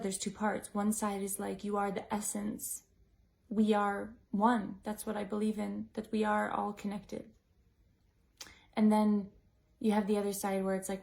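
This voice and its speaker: Brief: woman breathwork teacher, mellow and gravelly, flat delivery, musing and gentle. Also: mid-range voice. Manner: gentle, musing, with many "like" and "you know" fillers. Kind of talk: reflective teaching talk to a group.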